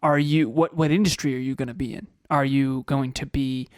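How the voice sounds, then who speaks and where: Clean, dry studio audio captures a man in his thirties co-hosting a motivational podcast. His mid-range voice moves fairly quickly with fairly even intonation, yet he talks with energy, throwing out rhetorical questions and repeating phrases.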